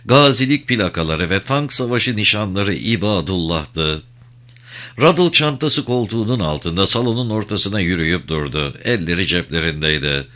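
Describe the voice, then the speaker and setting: Man, audiobook narration, low voice, lively pitch, bright tone. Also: moderate pace.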